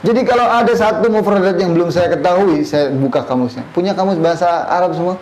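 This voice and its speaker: A man in his thirties from Indonesia teaches a class, firing questions at his students and slipping Arabic phrases into his talk. His voice sits a little high. The room echoes noticeably, with a faint hum of noise behind him. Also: quick pace, darkish tone. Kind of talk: classroom lesson.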